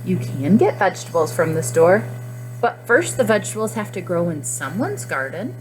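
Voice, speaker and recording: A woman plays a helpful female rabbit in a children's storybook. She is encouraging and instructive, with animated swings in pitch. Faint music runs underneath. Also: moderate pace, low-quality recording.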